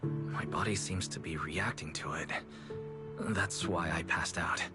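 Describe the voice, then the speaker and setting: A man voicing a calm, considerate young male proxy in a game cutscene, gentle in manner. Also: sits low, measured pace. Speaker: game protagonist. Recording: game cutscene voice over music.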